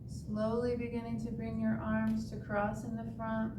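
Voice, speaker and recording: A woman tai chi instructor giving serene, meditative movement and breathing cues with long pauses. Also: monotone. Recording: echoey, distant mic with clear rumbling noise.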